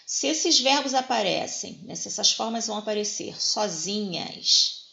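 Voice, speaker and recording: A Brazilian woman teaches a grammar lesson, walking through each point and checking in with the class as she goes. Her voice has a gravelly fry to it, and the recording sounds dull and lo-fi. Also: mid-range voice, expressive, a little slow, pushed and bright. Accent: Brazilian Portuguese. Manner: explanatory, often checks in with "né?" and "tá?".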